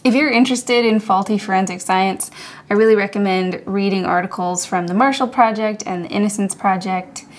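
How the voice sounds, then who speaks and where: A woman's voice: mid-range voice, brisk. A woman hosting a podcast, narrating a scripted essay in a casual, wry, conversational way with chatty asides. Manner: casual, wry, conversational, laughs at own jokes. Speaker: podcast host.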